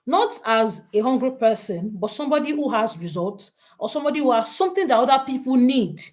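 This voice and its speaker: A woman's voice: a little high, expressive, a little fast, a little mellow. A woman, hosting a live online workshop, chatty and laughing often as she greets viewers by name. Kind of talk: live online teaching session.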